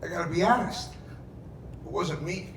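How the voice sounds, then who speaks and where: A middle-aged man with a fairly high, gravelly voice speaks at a moderate pace as father of the bride at a wedding reception. His heartfelt speech strings together family anecdotes with dramatized quotes. A distant mic catches the echo and noise of the event room.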